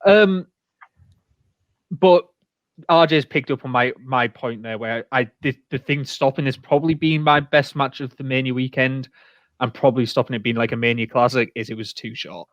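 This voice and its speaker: A man co-hosting a podcast in casual chat, excitable and quick to laugh. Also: medium pitch, no echo, highs cut off. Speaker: podcast co-host.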